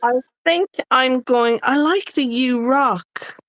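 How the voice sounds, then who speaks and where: A woman's voice: high voice, slow, a bit bright, no echo. A woman co-hosting a crafting livestream, talking casually through each step as she works. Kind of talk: casual chat while crafting live.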